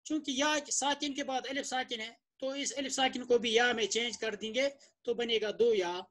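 A man's voice: extremely high pitch, steady tone, normal speed, fairly bright tone. Male Arabic teacher, lesson delivery, repetitive drilling with English glosses, emphatic. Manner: repeats and drills terms, glosses them in English. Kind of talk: classroom-style lesson explanation.

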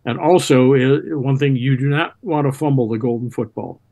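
An American man in his seventies recalls his flying days as an interview guest. He talks in a halting, plain-spoken way at a middling pitch, from a room at home over a video call. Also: mellow, highs cut off. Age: 70s. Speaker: interview guest, retired Navy test pilot. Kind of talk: reminiscing in conversation. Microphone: video call, computer microphone.

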